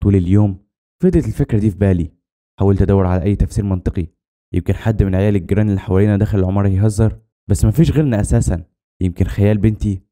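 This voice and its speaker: Fast-talking storyteller, dark voice. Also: male voice, lowish voice. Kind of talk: scripted horror narration.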